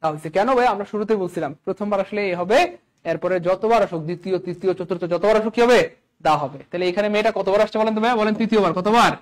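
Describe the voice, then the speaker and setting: A man teaching a live exam-prep class, animated and constantly quizzing his students, weaving religious phrases into his lesson. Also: high voice, quick pace, low-quality recording. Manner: animated, keeps asking students questions.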